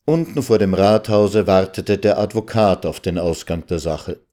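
A man reading a literary story aloud in a measured, calm way. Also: low-pitched. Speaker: narrator.

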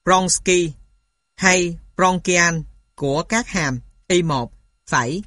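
A woman's voice: lowish voice, slow pace, fairly bright tone, no echo, studio quality. A woman reading scripted lesson material aloud in a methodical way, carefully spelling out each element like a lecturer. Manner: methodical, spells out symbols and punctuation.

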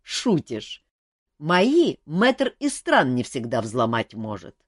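A woman's voice: rumbling low, wildly swooping pitch, takes it slowly, dry recording, studio quality, full character voice. A woman voicing a weary wisecracking male jester. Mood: wry, weary. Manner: wry, self-mocking banter.

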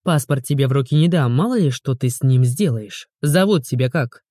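A woman doing a gruff grumbling scruffy man. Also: a bass voice, expressive, fairly quick, warm tone, dry recording, studio quality. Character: grumpy scruffy sarcastic grown man. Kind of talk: audiobook character voice.

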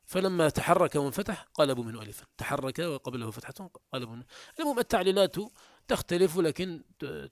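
A man with a somewhat high voice explains grammar to his students. He works step by step, restarting and repeating words as he goes. The sound is close and dry, with no room echo. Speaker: teacher. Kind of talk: recorded grammar lesson.

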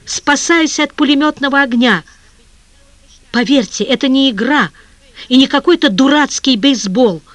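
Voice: medium pitch, expressive, normal speed, dry recording, natural voice. A reader voicing a shaken young woman. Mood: agitated. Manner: trembling, fragile, close to hysterics. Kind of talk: audiobook character reading.

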